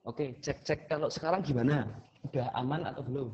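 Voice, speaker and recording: A man's voice: mid-range voice, a little fast, darkish tone. A man tutoring students in an online class, explaining step by step, his voice breaking up over a bad internet connection. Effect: choppy, cutting-out online call audio. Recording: lo-fi online video call audio.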